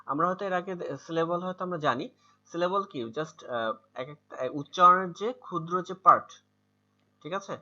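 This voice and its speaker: Man, Bangladeshi accent, very bright voice, a bit high, patient pronunciation drills, muffled video-call sound. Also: moderate pace. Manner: patient, drills words over and over. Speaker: English tutor. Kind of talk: online pronunciation class.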